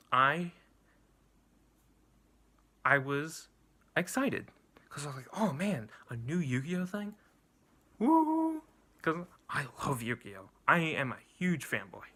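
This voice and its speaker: A man's voice: medium pitch, sharp tone. A young man rambling bluntly and profanely through an anime ranking, with many restarts and fillers. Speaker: anime reviewer. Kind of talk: casual ranking rant.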